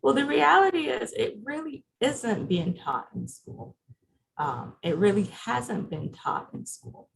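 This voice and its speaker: A woman's voice: fairly high pitch, expressive, a little slow, creaky, background noise. A woman from Barbados, giving a conversational presentation over a video call and putting questions to her audience. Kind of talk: interactive presentation.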